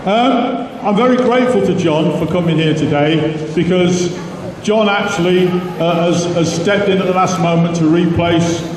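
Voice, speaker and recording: A man with a fairly high voice makes live introductions as a competition announcer. He sounds distant, with strong echo from a big hall and a crowd around him. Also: moderate pace. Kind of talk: live master of ceremonies introductions. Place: large indoor hall. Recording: echoey hall from far off, crowd behind.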